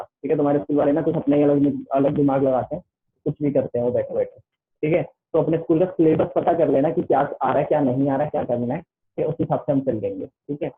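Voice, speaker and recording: A man tutoring students in a casual online class, rambling and repeating "okay" after nearly every phrase. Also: fairly high pitch. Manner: repeats "ठीक है" constantly, loose and rambling. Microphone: online class call. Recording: tinny phone-line audio.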